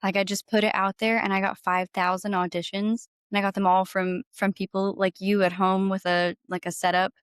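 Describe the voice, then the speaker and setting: Chatting informally and enthusiastically as a podcast guest, this singer-songwriter has a medium-pitched, clean-toned voice with a flat delivery. She talks a little fast with few pauses, captured in a dry, studio-quality recording.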